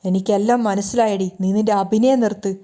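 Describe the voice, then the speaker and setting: A woman's voice: mid-range voice, steady tone, moderate pace, natural voice. A woman voicing a hot-tempered young husband who accuses and scolds in anger. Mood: furious. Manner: shouting, accusing.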